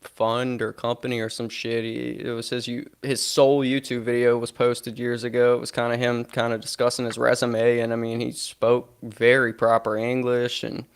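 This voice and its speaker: A man's voice: medium pitch, monotone, moderate pace, few pauses, smooth. A man co-hosting a casual podcast chat, offhand and freely profane. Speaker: podcast co-host.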